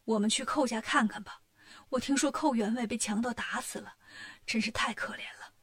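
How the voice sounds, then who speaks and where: A woman voicing a gentle male monk who speaks softly and pleads his case. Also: on the high side, a little fast. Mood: pleading.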